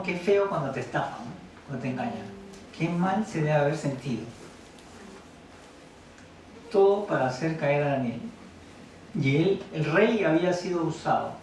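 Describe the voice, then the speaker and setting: A man's voice: a little high, slight background noise. A man preaching a sermon in a church hall. He reads Bible verses aloud and keeps asking the congregation questions. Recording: very echoey room, mic at a distance.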